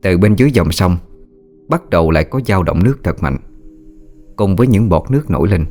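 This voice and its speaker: A man narrating a ghost story in a measured, solemn way. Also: low voice, lively intonation, darkish tone. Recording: faint music bed. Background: faint music.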